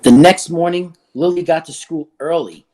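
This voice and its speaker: A school staff member reading a children's book aloud and chatting about it, in an expressive way. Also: mid-range voice, normal speed. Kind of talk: read-aloud of a children's book and casual discussion.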